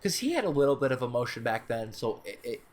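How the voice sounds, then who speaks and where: A man's voice: medium pitch, big pitch swings, slight background noise. Rambling young man, casual podcast chat. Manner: rambling, restarts often, quick asides. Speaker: podcast co-host.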